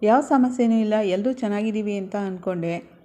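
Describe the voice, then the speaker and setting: A saddened young woman frets over the accident and scolds the neighbours, voiced by a woman narrator. The voice is low-key and mellow, softer than the narration. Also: fairly quick, close to an everyday voice. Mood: worried. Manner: sad, worried. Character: worried young woman of the family.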